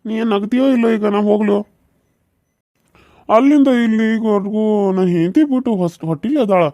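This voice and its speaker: Casting: male voice for a quick, higher-pitched cartoon man who teases and pleads, North Karnataka accent. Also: dark tone, dry recording, clean studio sound. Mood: coaxing. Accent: North Karnataka Kannada. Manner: coaxing, teasing.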